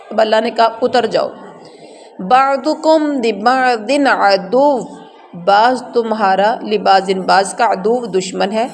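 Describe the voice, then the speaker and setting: A woman with a Pakistani Urdu accent teaching a Quran lesson, reciting verses slowly and then explaining each one in plain conversational words. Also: on the high side, in a large hall, a little hiss or hum. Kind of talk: word-by-word translation lesson. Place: room with noise heard from outside.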